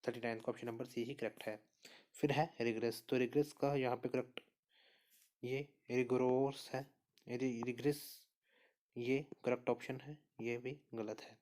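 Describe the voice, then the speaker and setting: Male teacher, mid-pitched, steady and patient, talks through each answer and repeats the key points. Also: moderate pace. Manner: steady explainer, repeats answers and says "okay" often. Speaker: exam prep teacher. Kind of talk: spoken lesson walking through quiz answers.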